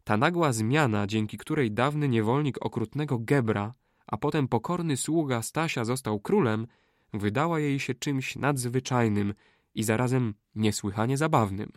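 Male audiobook narrator, steady measured storytelling, mid pitch, dry close recording. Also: no room sound. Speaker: audiobook reader. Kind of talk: scripted narration.

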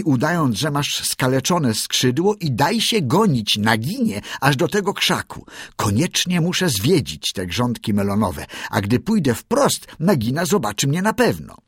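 Man doing a bossy brave mongoose, higher voice, husky, urgent. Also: big pitch swings, measured pace, no room sound, studio quality, exaggerated voice. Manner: urgent, commanding. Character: brave fierce male mongoose, brisk and commanding.

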